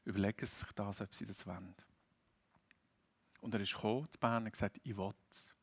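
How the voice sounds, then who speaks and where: A middle-aged man with a Swiss German accent preaching a sermon, earnest and appealing, rising emphatic and dropping soft. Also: on the low side, fairly even intonation, fairly quick, slightly rough.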